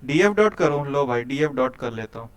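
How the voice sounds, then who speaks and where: A man's voice: medium pitch, expressive, a little fast, smooth. Chatty Hindi-speaking coding teacher, man. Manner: chatty, quizzes students, keeps saying "bhai". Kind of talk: live coding class with students.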